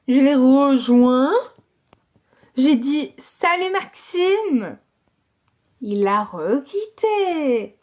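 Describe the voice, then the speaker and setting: A woman with a fairly high voice chats to her viewers in a casual vlog. She takes her time, letting her chatty rant unfold at an unhurried pace. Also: a little mellow. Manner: chatty, ranting. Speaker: vlogger.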